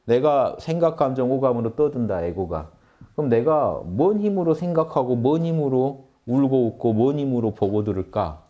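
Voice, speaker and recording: A man's voice: mid-range voice, big pitch swings, moderate pace, dull audio. A man giving an earnest spiritual lecture on meditation, explaining and addressing his audience directly. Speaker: meditation teacher.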